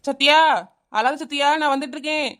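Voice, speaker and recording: A woman voicing a brave, kind young aunt in a cartoon, speaking briskly and reassuringly. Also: high-pitched, flat delivery, fairly bright tone. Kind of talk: cartoon voice acting.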